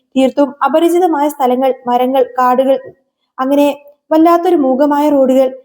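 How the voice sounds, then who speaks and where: A woman's voice: high-pitched, steady tone, a little slow, darkish tone. A woman narrating a serial episode as a dramatic, emotional story retelling.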